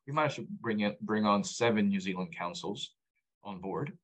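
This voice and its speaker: A man with a fairly low voice at a moderate pace is a guest in a conversational podcast interview. He founded a data platform, comes from an Egyptian background and was raised abroad, and he earnestly explains his data work, repeating main points and restarting frequently.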